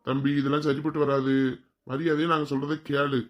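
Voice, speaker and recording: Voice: mid-range voice, flat delivery, fairly quick, dull audio. A performer playing a resigned, stern father in a family sketch. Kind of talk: family comedy sketch acting.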